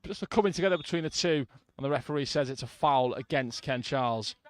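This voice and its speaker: A man giving live radio commentary on a football match from the stands, calm play-by-play with brief asides to listeners. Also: medium pitch, fast, no room sound.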